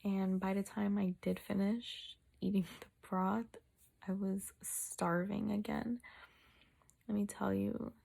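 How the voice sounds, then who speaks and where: A tired woman chatting casually in a personal vlog, halting and sore-mouthed as she recovers from wisdom teeth removal. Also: medium pitch, little pitch movement, creaky, warm tone. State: sore mouth, recovering two days after wisdom tooth surgery. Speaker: vlogger.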